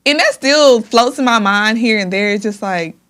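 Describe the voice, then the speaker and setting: A woman's voice: a little high, lively intonation, normal speed, fairly bright tone, smooth. Supportive woman podcast host. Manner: supportive, affirming. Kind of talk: casual conversation.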